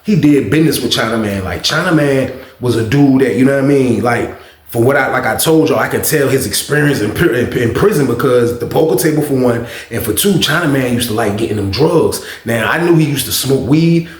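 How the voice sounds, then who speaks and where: A man spinning a long, rambling story for his viewers, filling his sentences with little checks on whether they follow. His voice sits at an ordinary pitch. The room adds a noticeable echo. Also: animated, a little fast. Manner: rambling, frequent filler phrases. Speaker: vlogger. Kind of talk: casual storytelling.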